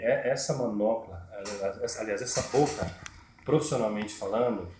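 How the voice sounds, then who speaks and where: A man with a fairly low, slightly mellow voice teaches puppetry step by step, going over his points again and again. The recording is echoey, with a little hiss or hum.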